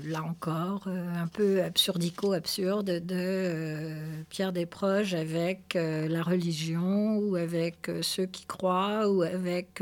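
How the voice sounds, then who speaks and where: Hesitant woman presenting a reading show. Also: on the low side. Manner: hesitant, full of filler sounds. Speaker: host. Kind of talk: casual radio presenting.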